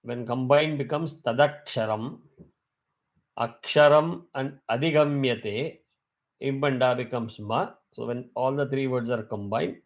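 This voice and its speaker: A man teaching a weekly Vedic class over a video call. He explains step by step and asks his students questions. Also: mid-range voice.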